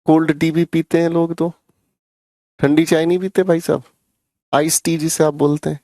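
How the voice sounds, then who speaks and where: A man's voice: a little high, little pitch movement, normal speed, mellow, no echo, clean studio sound. Chatty, teasing man teaching grammar. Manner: chatty, teasing, addresses students as beta and bhai. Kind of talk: live online class.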